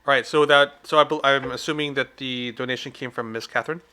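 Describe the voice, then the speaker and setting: Bright sounding guy co-hosting a tarot live stream, chatty, easygoing. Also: mid-range voice, fast talker, clean tone. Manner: relaxed, chatty, talks over his partner. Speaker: tarot reader co-host. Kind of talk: casual live stream chat.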